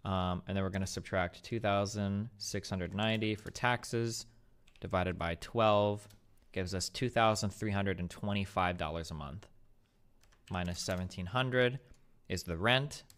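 A man's voice: sits low, measured pace, fairly bright tone, smooth. A man streamer working through monthly budget figures aloud in a methodical, matter-of-fact way. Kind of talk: casual explanation while working numbers aloud.

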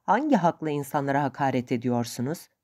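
A woman voicing a greedy, sharp-tongued male boatman who answers back in quick, defiant retorts. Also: a bass voice, expressive.

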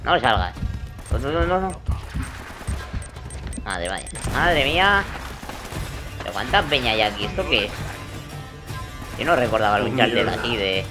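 A man casually commenting on a video game he is playing, excitable and swearing, talking to himself. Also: medium pitch, measured pace, pauses often. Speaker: gameplay commentator. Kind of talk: casual let's-play commentary. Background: game music and gunfire.

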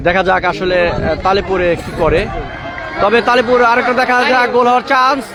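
High-pitched amateur male football commentator. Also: brisk. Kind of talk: casual live match commentary with spectator chat. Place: outdoors at a football ground. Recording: outdoor live stream with loud crowd noise. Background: crowd and outdoor noise.

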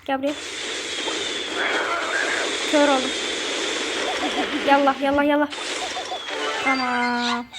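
A woman hosting a casual gameplay video, chatty and excitable, who keeps talking straight to her viewers. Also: sits high, slow pace, long pauses, very noisy. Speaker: gaming video host.

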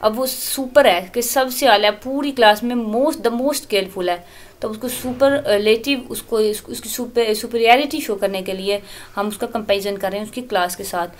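A woman giving a recorded lecture, explaining English grammar in Urdu. She reads the English examples out slowly and often corrects herself mid-sentence. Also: fairly high pitch, steady tone.

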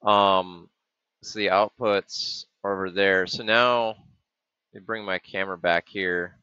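A man's voice: low-pitched, steady tone, a little slow, bright, forceful tone, smooth, dry recording. A middle-aged man casually walking through a chip datasheet and circuit board, thinking aloud with frequent ums and restarts. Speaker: maker explaining a project. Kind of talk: casual screen-share walkthrough. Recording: dull, dry lo-fi webcam audio.

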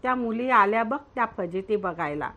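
A woman's voice: medium pitch, lively intonation, normal speed, fairly bright tone. A woman voicing a stern, scolding village mother in a storybook reading, her tone commanding.

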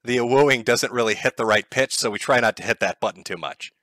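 A man on a livestream putting on a pretend woman streamer talking through a voice changer that shifts the pitch deep, in a dry, mock-serious way. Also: fairly quick, fairly bright tone, no room sound. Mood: deadpan. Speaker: livestream host. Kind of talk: joking livestream bit.

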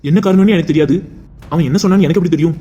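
A man's voice: a little high, very fast, warm tone, highs cut off, lightly acted. A man voicing a grieving, loyal young man in a cartoon drama, talking in an earnest, pleading way. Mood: defensive. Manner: earnest, pleading, tearful monologue.

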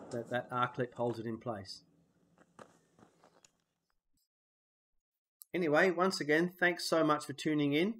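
Nasal Australian man in a DIY vlog. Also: medium pitch. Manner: relaxed, plain-spoken explaining. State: nasal from a cold. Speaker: DIY maker. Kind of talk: casual how-to narration. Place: outdoors on a dirt road. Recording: loud outdoor noise behind the voice.

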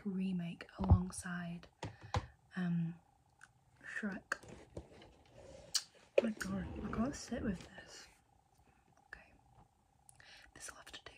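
A woman's voice: medium pitch, a little mellow, slight background noise. A young woman whispering a chatty ASMR makeup tutorial, rambling and often correcting herself. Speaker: ASMR creator.

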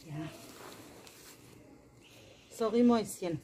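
A woman's voice: medium pitch, slow, mellow, husky. A woman vlogging casually to her viewers while planting in a garden at night, talking to them directly. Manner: chatty, addresses viewers directly. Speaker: vlogger, mother. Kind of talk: casual family vlog.

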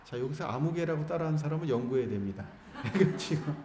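A male Buddhist monk with a fairly high voice leads a temple congregation through a guided practice, playful and coaxing. His words ring around a roomy hall, with a faint hum of room sound behind him. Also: lively intonation, fairly quick. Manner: playful, coaxing, jokes with the audience. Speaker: Buddhist monk giving a Sunday dharma talk. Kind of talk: sermon with guided call-and-response practice.

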